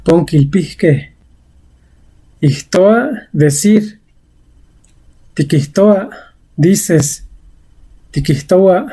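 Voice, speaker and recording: Woman language teacher, unhurried and careful, warm low-key tone, repeats each example. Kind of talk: vocabulary lesson.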